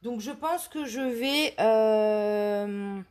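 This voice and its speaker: A woman with a fairly high voice hosts a live crafting demo, speaking casually and stopping often to search for words. She is filmed by a camera on a tripod at home, and she chats while handling her materials. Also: very slow, darkish tone. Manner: chatty, hesitant, many fillers and restarts. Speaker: scrapbooking live host.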